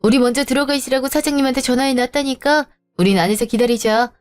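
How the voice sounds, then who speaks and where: A woman's voice: sits high, fairly even intonation, fast talker, soft background music, close to an everyday voice. A woman voicing a chatty helpful friend. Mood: friendly.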